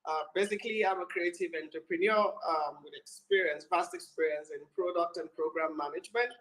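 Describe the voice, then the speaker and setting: A man with a Nigerian accent talks as a guest on a panel. His voice is somewhat high for a man, and he explains things in an organised, presentational way. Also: steady tone, brisk, fairly bright tone, low-quality recording. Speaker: panel guest, co-founder of a creative community.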